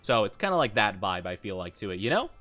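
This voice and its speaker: A man livestreams a game in a casual, chatty way. His pitch moves in lively swings and he giggles easily. Music plays behind his upbeat commentary. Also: quick pace.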